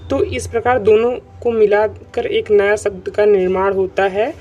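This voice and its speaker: Male online teacher with a mellow, soft-edged voice. He repeats points and keeps checking in. Dull lo-fi sound. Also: sits high, level tone, a little slow. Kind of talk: online grammar lesson. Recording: dull lo-fi recording with faint music.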